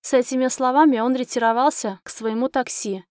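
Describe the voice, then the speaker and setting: Woman narrator, audiobook, emotional, expressive, higher voice, dry. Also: brisk, no room sound. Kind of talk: first-person audiobook narration.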